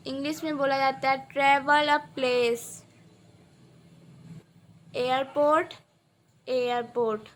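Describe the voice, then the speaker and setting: A woman teaching vocabulary, saying each word and its translation twice in a slow, deliberate drill, and speeding up for short explanations. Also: high voice, pushed and bright. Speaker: English teacher.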